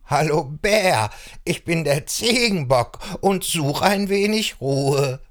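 A man's voice: a little high, lively intonation, slow, pitched above the performer's own voice. Man doing a whiny fed-up young billy goat. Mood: exasperated. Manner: complaining, exasperated.

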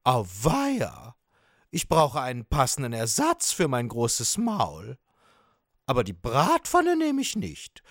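A man's voice: medium pitch, huge pitch swings, slow, fairly bright tone, dry recording, clean studio sound, voice pushed up, full character voice. A man voicing a boastful male sawfish in a children's audio story, chanting his brags. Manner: bragging, sing-song chant.

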